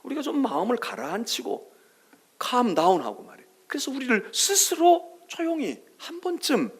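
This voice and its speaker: A middle-aged male pastor preaching a sermon, swinging between loud calls and hushed whispers and acting out soothing quoted voices. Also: very high-pitched, big pitch swings, moderate pace, husky. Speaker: senior pastor.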